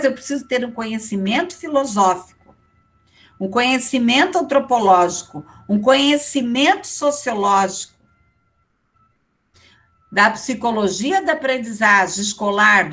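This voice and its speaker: A woman's voice: medium pitch, a bit bright. A middle-aged woman with a Brazilian Portuguese accent, giving a casual lecture and checking in with her class after every few phrases. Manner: conversational, with frequent check-in tags to the class. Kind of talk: online lecture.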